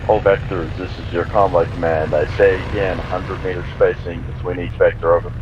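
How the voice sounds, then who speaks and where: A man with a low, deep voice gives clipped military radio calls over a walkie-talkie. His voice comes through dull and muffled. Loud vehicle noise runs steadily behind him. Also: level tone, fairly quick. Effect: voice over in-game walkie-talkie radio. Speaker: convoy commander in an online military game.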